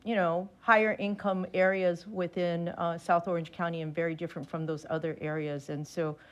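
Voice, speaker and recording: A woman's voice: on the low side, level tone, moderate pace. A woman commissioner thinking aloud in a public meeting debate over a video call, hesitant and full of fillers. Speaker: redistricting commissioner.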